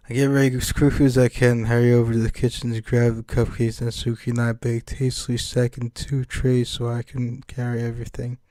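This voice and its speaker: A man's voice: mid-range voice, darkish tone, dry recording. A young American man reading a visual novel aloud with jokey, rambling asides. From United States. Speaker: let's player.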